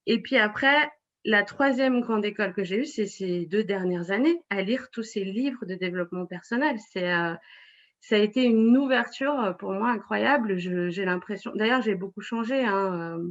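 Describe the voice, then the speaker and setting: A woman's voice: medium pitch, normal speed, muffled recording. A woman in her forties, a web writer and blogger, talking in an interview with many fillers and restarts. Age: 40s. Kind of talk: casual interview.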